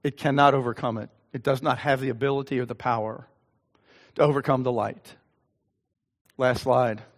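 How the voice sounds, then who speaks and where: Earnest preacher in a reverberant hall. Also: male voice, medium pitch, steady tone, normal speed. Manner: earnest, conversational preaching with emphatic reading. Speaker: pastor. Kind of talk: sermon. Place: church sanctuary. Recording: long reverb of a church hall.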